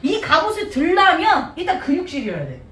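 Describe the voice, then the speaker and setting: A woman's voice: very high voice, huge pitch swings, a little fast, a bit bright, a little hiss or hum. A woman Sunday school teacher giving a playful, chatty Bible lesson to children in a church hall, laughing often. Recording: echoey hall, voice from a distance.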